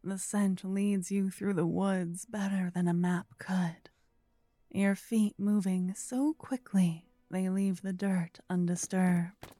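A woman softly whispering a second-person ASMR story as narrator. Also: mid-range voice, steady tone, slow pace, dry recording.

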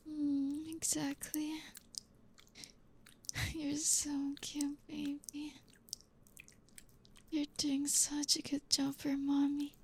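Young woman doing soft asmr whispers, high voice, pretty flat, hums a lot. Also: slight background noise. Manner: soft unvoiced whispering, slow and soothing; reassuring, coaxing tone with frequent hums. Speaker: ASMR roleplay performer. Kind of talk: whispered intimate ASMR roleplay.

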